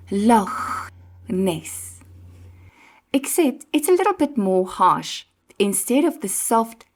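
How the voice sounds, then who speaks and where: A woman teaching pronunciation, saying each word slowly and clearly, and cheering the learner on with encouraging remarks. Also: a little high, darkish tone. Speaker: language teacher. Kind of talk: pronunciation drill lesson.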